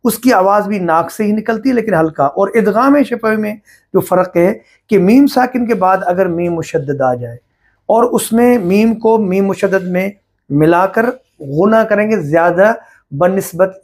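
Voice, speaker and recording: A middle-aged man teaching Quran recitation rules, explaining each point slowly and step by step. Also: sits high. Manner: slow, deliberate, explaining step by step. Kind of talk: religious lesson on recitation rules.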